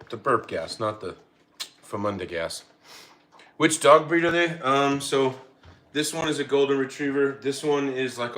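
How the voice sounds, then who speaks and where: A middle-aged livestream host chats casually from home while feeding his dogs, reading the chat out loud and laughing easily. His voice sits at a medium pitch with a sharp tone.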